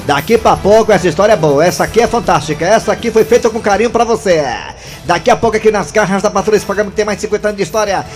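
A man hosts a comedy radio show with a high voice and loud, jokey, hyped announcing. He speaks over faint music. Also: rapid-fire.

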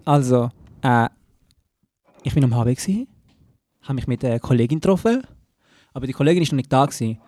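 Fast-talking Swiss German young man. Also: mid-range voice, animated, mellow, no echo, clean studio sound. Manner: rambling, self-mocking storytelling with English slang. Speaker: podcast co-host. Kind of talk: casual chat.

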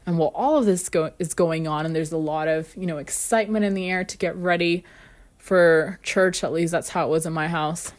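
A woman's voice: on the low side, fairly even intonation, fairly quick. A woman hosting a motivational self-help podcast, telling personal stories earnestly with frequent light laughs. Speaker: podcast host.

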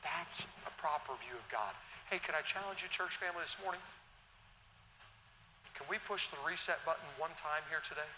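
A man's voice: a little high, very animated, normal speed, sharp tone, a little hiss or hum. A man preaching a sermon at a pulpit microphone, earnestly urging the congregation and speaking to them directly. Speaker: guest preacher. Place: church sanctuary. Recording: long church reverb, faint room ambience.

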